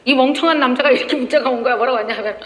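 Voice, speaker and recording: A woman giving a lively lecture, telling stories and acting out quoted dialogue with frequent laughter. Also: sits high, very fast. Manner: animated, acts out quoted dialogue, laughs often. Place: lecture hall. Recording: echoey hall with faint noise.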